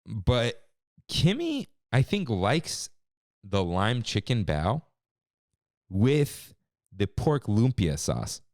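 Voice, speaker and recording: A man co-hosting a casual chat podcast, animated and laughing often as he acts out quotes. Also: lowish voice, very slow, long pauses, no echo, studio quality. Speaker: podcast co-host.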